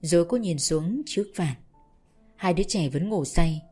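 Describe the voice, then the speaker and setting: Woman storyteller, low voice, measured audiobook reading over faint music. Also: slightly rough. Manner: steady, measured narration. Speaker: narrator.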